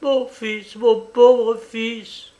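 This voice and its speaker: A man voicing a fierce, desperate old peasant mother who pleads for her son in a high, shrill voice. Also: expressive, slow pace, a little mellow, exaggerated voice. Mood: pleading.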